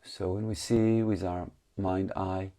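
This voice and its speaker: In a low-pitched voice, a man teaches a guided meditation. His instructions come calmly in short phrases with long pauses between them, and his English phrasing is slightly non-native.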